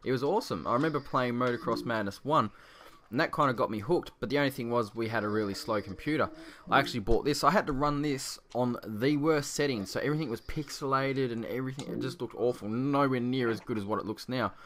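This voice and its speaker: An Australian man in his twenties rambles through easygoing gameplay commentary, often correcting himself mid-sentence. His voice is bright and forward, and it echoes off the bare walls of a nearly empty room. The echo stays with every word. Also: mid-range voice, quick pace. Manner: rambling, laid-back, self-correcting. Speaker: gaming video creator.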